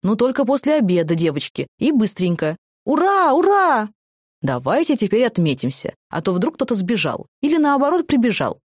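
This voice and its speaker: Female narrator putting on a kindly old officer, low rolling voice, slow grandfatherly drawl, dry recording. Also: sing-song, slightly rough, dry recording. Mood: genial. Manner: folksy, avuncular, unhurried. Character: small old male prison duty officer, jovial.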